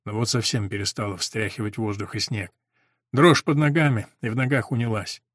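A man's voice: fairly low pitch, a little fast, fairly bright tone, no room sound, clean studio sound. A man giving scripted literary narration as an audiobook reader.

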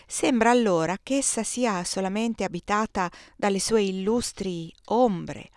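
A woman's voice: mid-range voice, dry recording, clean studio sound. Woman reading a classic novel aloud. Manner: measured, expressive reading. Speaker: audiobook reader. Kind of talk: scripted narration of a classic novel.

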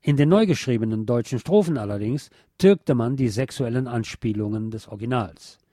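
Briskly, a radio host with a medium-pitched, soft and mellow voice reads a scripted music history feature. There's no echo; the recording is tight, dry and free of any room sound.

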